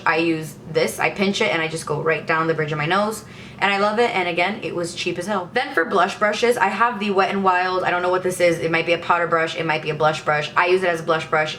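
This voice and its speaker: A woman's voice: fairly low pitch, a bit bright, a little hiss or hum. A young woman chatting enthusiastically as a beauty vlogger, showing her makeup brushes. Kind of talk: casual makeup tutorial.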